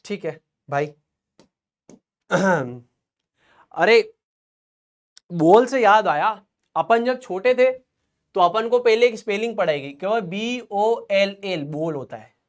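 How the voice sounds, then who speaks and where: Young male online tutor, high voice, chatty and joking with his class. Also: takes it slowly, pauses often. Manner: playful, chatty, jokes with students between quiz polls. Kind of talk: live online chemistry class.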